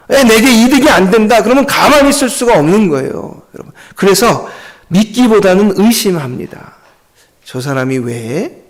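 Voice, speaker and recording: A male pastor giving an earnest Sunday sermon and often addressing the congregation directly. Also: high voice.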